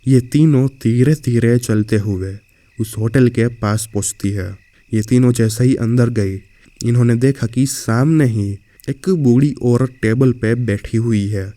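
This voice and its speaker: A man's voice: medium pitch, measured pace, warm tone, no room sound. A man narrating a horror story in a casual way, speaking directly to the listener.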